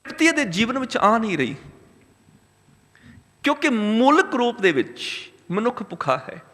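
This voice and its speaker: A man from Punjab, India, giving a Sikh religious discourse who chants scripture lines slowly and repeats points with emphasis, in a hall with long reverb. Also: extremely high pitch, very animated, fairly bright tone. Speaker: Sikh preacher.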